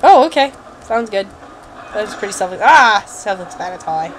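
A woman's voice: mid-range voice, lively intonation, normal speed, noisy background. A woman giving casual, jokey let's play commentary, exclaiming and muttering to herself as she plays.

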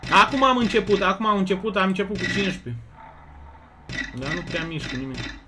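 A young man from Romania streaming slots live, chatting casually and loudly greeting viewers one after another. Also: high-pitched, noisy background. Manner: loud, excitable, greets chatters rapidly. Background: music.

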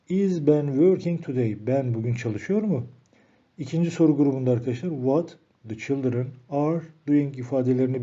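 A man teaching an English grammar lesson, slowing down to read each example sentence aloud. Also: mid-range voice, dark tone, breathy edge. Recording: dull lo-fi recording.

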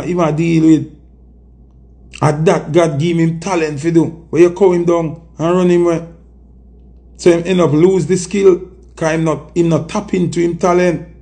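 A man's voice: on the high side, gravelly, warm tone. A man in his thirties with a Jamaican accent, speaking Jamaican Patois in an emphatic, reflective casual chat to camera. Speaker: music personality, vlogger. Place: small indoor room. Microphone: phone at arm's length.

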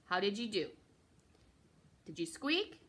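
Bright-voiced woman teaching recorder. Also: medium pitch, big pitch swings, takes it slowly, breathy edge. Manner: patient, encouraging, counts students in. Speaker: music teacher. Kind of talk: recorder lesson for children.

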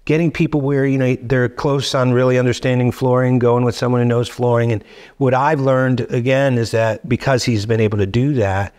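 A man's voice: medium pitch, fairly even intonation, moderate pace, a little mellow. A middle-aged man as a guest on a casual podcast interview, reflective and repeating words as he thinks, speaking into a desk mic in a wood-paneled studio. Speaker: guest, show co-creator. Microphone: boom mic on desk stand.

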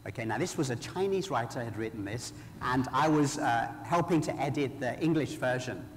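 A man with a Sri Lankan accent giving a humorous, anecdotal talk as an author, with wry storytelling and pauses before punchlines. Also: mid-range voice, expressive, slight background noise. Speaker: author speaking at a conference. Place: large hall, live talk to an audience. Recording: very echoey hall with long reverb.

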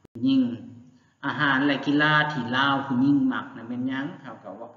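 A man from Laos teaching beginner English, who repeats each English word slowly and drills the phrases. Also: medium pitch, fairly even intonation. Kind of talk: beginner language lesson. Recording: echoey, dull lo-fi room recording.

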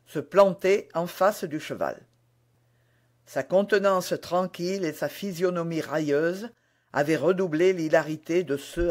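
A man reading a classic adventure novel aloud in a clear, measured storytelling voice. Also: on the high side, darkish tone. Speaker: reader. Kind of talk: audiobook narration of a classic novel.

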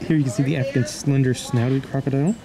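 A man casually narrating a walk through a zoo, pointing out animals in a relaxed, chatty way. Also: medium pitch, fast talker, vocal fry. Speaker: zoo tour vlogger. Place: outdoor zoo walkways. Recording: outdoor noise around camera mic.

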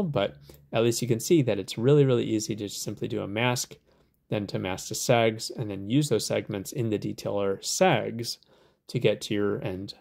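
A man hosting a software tutorial, explaining steps in a relaxed, conversational way with lots of fillers. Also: fairly low pitch, vocal fry. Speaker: tutorial host.

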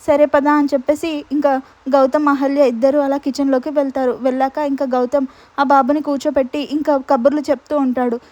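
A woman retelling a TV serial episode in rapid storytelling, chaining each line to the next with repeated linking fillers. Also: high-pitched, level tone, warm tone, no echo, muffled recording. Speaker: serial recap narrator.

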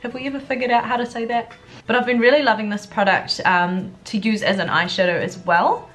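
A woman's voice: on the high side, fairly even intonation, a little fast, fairly bright tone. A young adult woman feeling sick with a congested cold, chatting casually and a little subdued through a makeup tutorial as a beauty vlogger. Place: furnished living room at home, indoors. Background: background music.

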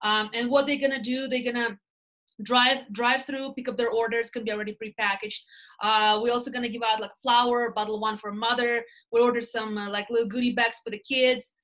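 A real estate team leader in her thirties with a Russian accent talks briskly about her work in a slightly high voice. As a guest in a casual interview chat, she tells animated stories, uses her hands and keeps checking in with "right?" She joins by laptop webcam video call from a small indoor room.

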